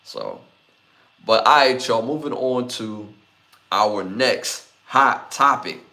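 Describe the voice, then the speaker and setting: Slow, gravelly, and forceful, this forties-aged podcast host's mid-range voice has a bright edge. He delivers solo commentary right to his live chat, hammering home repeated, emphatic appeals.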